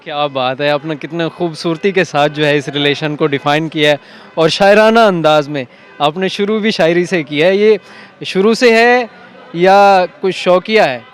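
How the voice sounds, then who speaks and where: A man with a fairly high voice from Pakistan, hosting a street interview outdoors. He fires off quick follow-up questions and jokes with the people he stops. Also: clear, resonant tone, faint music behind.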